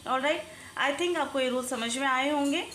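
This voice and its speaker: A woman teaching English spelling rules, talking slowly and deliberately, spelling words out letter by letter and asking her learners questions. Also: high-pitched, a bit bright. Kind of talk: online lesson in Hindi-English mix. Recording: echoey room, faint background noise.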